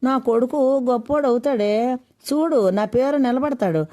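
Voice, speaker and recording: A woman's voice: sits high, a little slow, mellow, voice pushed up. A woman voicing a poor village mother who pleads fearfully and mourns her husband. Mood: grieving. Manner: pleading, sorrowful.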